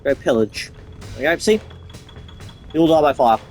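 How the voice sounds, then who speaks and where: A man's voice: on the high side, sing-song, normal speed, darkish tone, faint music behind. A man giving casual gameplay commentary, rambling, swearing freely and restarting his sentences. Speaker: gamer playing on camera.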